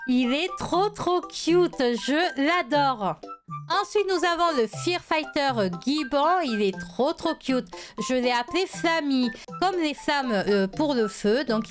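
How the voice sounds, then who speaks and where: A high-pitched woman talks through her game collection in an eager, gushing way and keeps calling things adorable. She speaks into a desktop mic over faint background music. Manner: gushing, enthusiastic, repeats "trop, trop cute". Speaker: gaming YouTuber. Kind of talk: casual game inventory tour.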